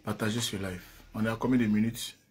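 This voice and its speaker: A man's voice: fairly even intonation, brisk, breathy edge. A man hosting a casual live stream, speaking directly to his viewers, often repeating himself. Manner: taunting, laughing, rising to shrill highs; repetitive, addresses viewers directly. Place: at home, seated. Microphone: phone or webcam.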